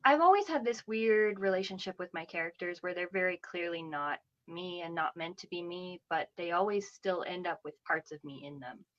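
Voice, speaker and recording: A woman's voice: on the low side, normal speed, hardly any pauses, fairly bright tone, dull audio. A woman author chatting casually about her writing, rambling with lots of fillers. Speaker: author guest. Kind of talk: casual chat.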